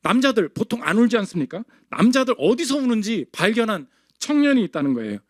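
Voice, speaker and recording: A man's voice: high-pitched, big pitch swings, fast talker, no room sound, clean studio sound. A middle-aged male pastor preaching a sermon who keeps asking rhetorical questions and answering them himself. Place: church sanctuary.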